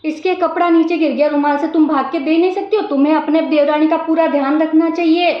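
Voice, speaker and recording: A woman's voice: sits high, steady tone, fairly quick, a little hiss or hum, close to an everyday voice. A woman playing a domineering mother-in-law who scolds and taunts her daughter-in-law, in an echoey room with slightly dull sound. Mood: scolding.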